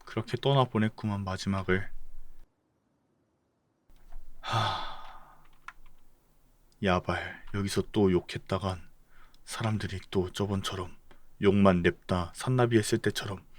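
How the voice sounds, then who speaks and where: A man streaming a game, muttering low commentary to himself. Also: steady tone, normal speed, long pauses.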